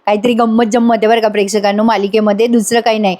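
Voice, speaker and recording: A woman narrates a voice-over recap of a TV serial episode in a chatty, amused manner. Her voice is high. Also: little pitch movement, racing, a little mellow.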